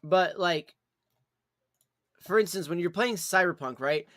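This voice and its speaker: A man's voice: high-pitched, a little slow, fairly bright tone, dry recording. A man chatting casually on a livestream in a rambling, repetitive way, with some swearing. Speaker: live streamer.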